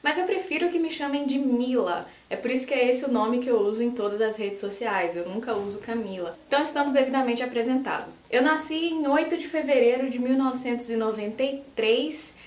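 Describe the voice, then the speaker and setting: A lively woman in her twenties from Brazil with a faint Bahian accent, talking casually to camera as a science YouTuber and gesturing a lot. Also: on the high side, brisk, hardly any pauses, roomy sound. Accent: light Brazilian Portuguese, faint Bahian. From Salvador, Bahia, Brazil. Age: 20s. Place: small room indoors, posters on the wall.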